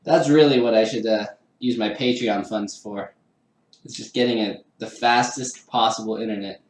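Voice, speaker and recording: The voice is lowish and steady at a normal speed, coming through with noticeable reverb. It belongs to a streamer building a 3D printer kit who jokes around with viewers, laughs often and mocks himself. He is in a room at home with a garage downstairs.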